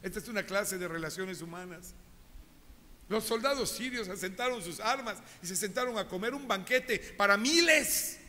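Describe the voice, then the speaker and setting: A man's voice: high-pitched, moderate pace, bright, forceful tone. A man preaching a sermon as pastor, telling stories animatedly and addressing his congregation directly, in a reverberant church hall.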